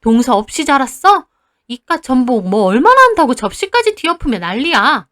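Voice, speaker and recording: A petty, defensive middle-aged aunt, played by a woman narrator, who answers back with sulky indignation. Her voice is fairly high and moves about a lot. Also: sing-song, normal speed, a bit bright. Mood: indignant.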